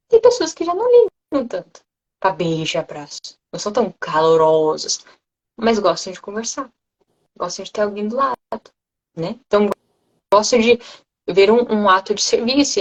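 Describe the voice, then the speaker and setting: A woman's voice: mid-range voice, low-quality recording. A woman with a Brazilian Portuguese accent, explaining parenting ideas in conversation and acting out children's voices as she goes. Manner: animated, acts out children's voices. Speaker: guest speaker on parenting.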